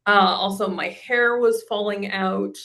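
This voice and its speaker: A woman in her forties, a program client, gives a testimonial in a casual interview, rambling with many fillers and restarts. She speaks unhurriedly at medium pitch with fairly even intonation and a sharp tone.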